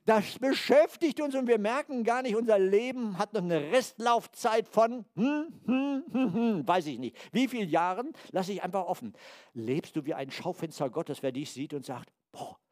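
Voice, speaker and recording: Animated older German-speaking man preaching. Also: high-pitched, normal speed. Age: 70s. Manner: lively, animated preaching with acted-out quotes and sudden drops to quiet asides. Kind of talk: sermon.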